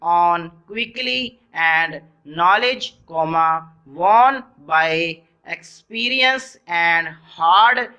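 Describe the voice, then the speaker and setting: A bright, crisp-edged voice at a middle pitch, dictating at an extremely slow pace. The reader breaks sentences into short phrases and announces each punctuation mark, as in a dictation exercise. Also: animated, lo-fi sound.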